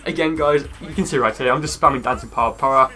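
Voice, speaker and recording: A man's voice: mid-range voice, fast talker, bright, forceful tone. A man giving casual gameplay commentary in a rambling, conversational way. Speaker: gaming video creator. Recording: music behind the voice. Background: music.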